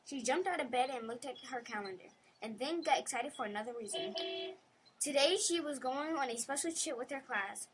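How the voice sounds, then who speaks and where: A woman narrating a children's storybook in a clear, gentle storytelling manner. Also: high voice, a little hiss or hum, low-quality recording. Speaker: audiobook narrator.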